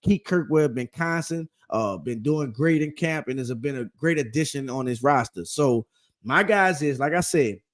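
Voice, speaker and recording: A man co-hosting a casual sports podcast, talking in an animated, emphatic way and repeating his points. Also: medium pitch, normal speed. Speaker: podcast co-host.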